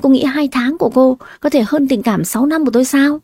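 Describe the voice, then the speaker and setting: A woman voicing a scheming young adopted daughter, with a whiny, shrill manner. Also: quick pace, warm tone, no room sound. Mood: indignant. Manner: whining, shrill when pleading.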